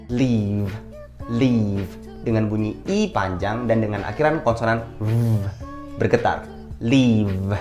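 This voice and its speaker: A man giving a casual English lesson, slowing down to say each example sentence clearly. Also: lowish voice. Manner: chatty, slows down to spell out example sentences. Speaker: English teacher. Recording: faint music underneath.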